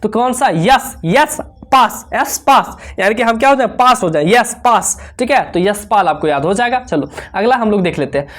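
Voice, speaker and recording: A woman's voice: medium pitch, expressive. A woman teaching an exam revision lesson, firing off questions and answers and repeating key points with playful memory tricks. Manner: rapid question-and-answer drilling, constantly addressing students.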